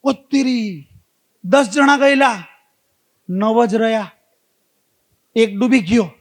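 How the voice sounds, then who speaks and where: A man's voice: very high voice, slow. A man giving a motivational talk to a community gathering, telling stories, repeating key phrases and asking the audience rhetorical questions. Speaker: invited speaker.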